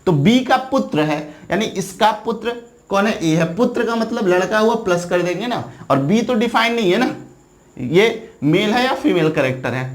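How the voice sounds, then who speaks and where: A man's voice: high-pitched, expressive, moderate pace. A man teaching exam students, asking the viewer questions and answering them, often checking in with "right?". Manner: repetitive, checks in with "theek hai na" often. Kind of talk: classroom lecture.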